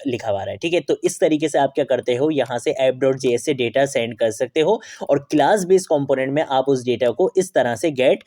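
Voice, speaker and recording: A man at a mid pitch talks through a coding tutorial step by step. He keeps asking questions and answering them himself. He checks in with the listener again and again, and his voice sounds close and dry. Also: expressive, a little fast, few pauses, warm tone, no echo. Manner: repeats "theek hai" often as a check-in. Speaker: programming tutor. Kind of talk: screen-recorded coding tutorial.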